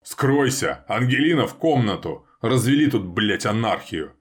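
A man reading an audiobook, voicing a gruff middle-aged father who barks orders and growls. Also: on the low side, normal speed, close to an everyday voice. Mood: barking.

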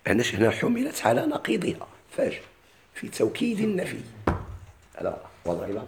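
A man's voice: medium pitch, huge pitch swings, fairly quick, creaky, slightly rough. A man with a Moroccan Arabic accent teaching a classical grammar lesson. He keeps asking his class questions and then answering them himself.

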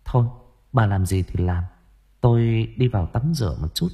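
A man's voice: lowish voice, expressive, normal speed, warm tone, breathy edge. A man reading an audio story voices a proud, curt middle-aged mistress of a wealthy household. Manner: curt, commanding.

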